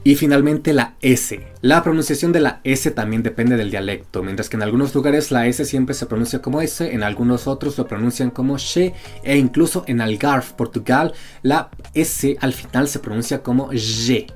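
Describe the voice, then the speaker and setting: A man narrating a scripted language lesson, slowly sounding out letters and example words. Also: medium pitch, a little mellow, faint music behind. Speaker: language teacher on a video channel.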